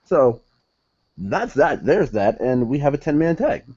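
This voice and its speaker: A man's voice: on the high side, very animated, normal speed, dark tone, dull audio. A young man reviewing a wrestling show in casual solo talk, rambling, correcting himself and sounding exasperated.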